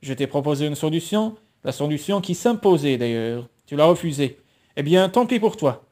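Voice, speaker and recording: Un homme qui lit un roman à voix haute et prête sa voix à une mère autoritaire et méprisante. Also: male voice, a little high, animated, normal speed, darkish tone, natural voice.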